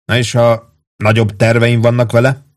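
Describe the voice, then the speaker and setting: A man voicing a laid-back, teasing male first sergeant with an easy, calm way of talking. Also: medium pitch, close to an everyday voice. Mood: firm.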